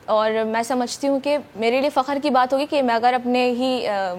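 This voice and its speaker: A young woman from Pakistan, a voice-over artist, chatting eagerly in a morning show interview with many fillers. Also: on the high side. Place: TV studio.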